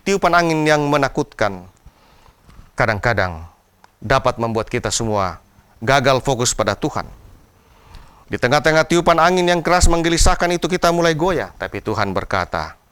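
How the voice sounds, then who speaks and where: A man's voice: mid-range voice, a bit bright, clean tone, no echo. A man preaching a devotional sermon in an earnest way, with an Indonesian accent, raising his voice when he cries out to God. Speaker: pastor.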